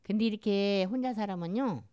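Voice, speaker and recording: A woman's voice: medium pitch, brisk, mellow, clear, resonant tone, dry recording, studio quality. An older woman from Jeolla with a strong Jeolla dialect, chatting in a rambling, storytelling way as an interviewee. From Jeolla, Korea. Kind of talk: casual chat.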